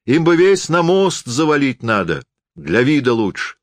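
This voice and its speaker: A man voicing a sly, stern shop clerk who talks in a folksy, gruffly knowing way. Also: medium pitch, sing-song, measured pace, dry recording, voice pushed up.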